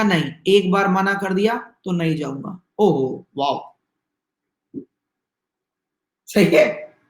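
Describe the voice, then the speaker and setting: In an online exam-prep class, a male teacher with a Hindi accent explains reasoning questions, tossing in lively, teasing asides and small acted-out dialogues. His voice is high, and the recording is reverberant.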